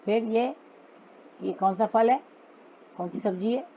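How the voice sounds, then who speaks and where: Indian woman phonics teacher for kids, unhurried and patient, muffled audio. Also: medium pitch, a little hiss or hum. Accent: Indian English. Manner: slow, patient drilling of words. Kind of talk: phonics lesson for children.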